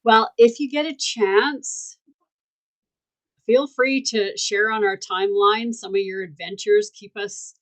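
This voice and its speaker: A woman hosts a casual online community group call, her mid-range voice steady and slow through a video call mic with poor audio. Her wording is warm, affirming and spiritual.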